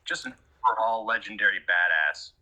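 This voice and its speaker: A man's voice: fairly low pitch, fairly quick, pushed and bright, poor audio. A man talking in a casual chat, rambling and emphatic with many restarts. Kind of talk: casual conversation.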